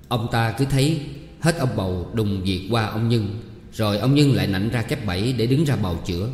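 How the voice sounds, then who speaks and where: A man narrating a story in a steady storytelling manner, in an echoey hall. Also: on the low side.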